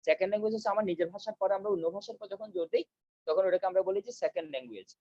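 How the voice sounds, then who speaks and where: A man teaching a class over a video call, repeating key terms slowly so students can take notes. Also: sits high, expressive, mellow, no room sound, lo-fi sound. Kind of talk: online class lecture. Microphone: video call mic.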